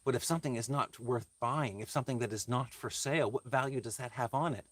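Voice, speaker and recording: With a mid-range voice and no echo, a man talks to livestream viewers as he works on a craft. He thinks out loud in a slow, halting, reflective way and responds to what they comment.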